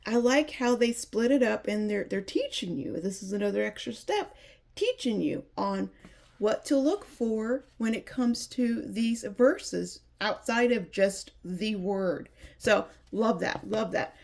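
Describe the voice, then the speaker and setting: Woman reviewer, gravelly and a little nasal, chatty and excited, stumbles and restarts. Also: mid-range voice, unhurried. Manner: chatty, enthusiastic, restarts often. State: nasal from allergies. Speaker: Bible reviewer. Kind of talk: casual product review.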